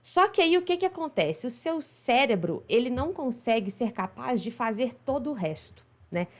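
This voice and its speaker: A Brazilian English pronunciation teacher with a Minas Gerais Portuguese accent explains sounds in a chatty online lesson, frequently adding "right?". Her voice is fairly high with wide pitch swings, and she keeps a moderate pace.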